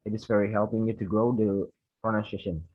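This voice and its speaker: A young man from Indonesia with an Indonesian accent, a student giving a class presentation, reading prepared points haltingly and correcting himself. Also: fairly low pitch, little pitch movement, no echo, dull audio. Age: young adult.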